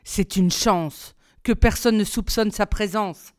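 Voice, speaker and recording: A woman's voice: mid-range voice, no room sound, clean studio sound, close to an everyday voice. Woman reading a cold scheming palace villain. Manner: quiet, deliberate plotting. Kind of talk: storybook reading.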